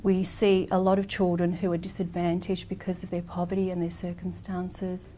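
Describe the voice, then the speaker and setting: A woman giving a sincere, even advocacy statement. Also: lowish voice, normal speed, a little hiss or hum.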